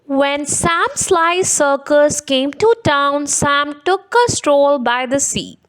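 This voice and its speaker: A woman's voice: sits high, takes it slowly, a bit bright, poor audio. A woman reading a rhyming picture book aloud for children. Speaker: children's story reader.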